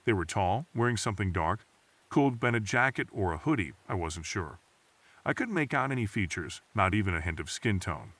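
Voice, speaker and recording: A man's voice: fairly low pitch, lively intonation, fairly quick, a bit bright, slightly rough. A man reading a scripted first-person horror story in a tense, suspenseful storytelling manner.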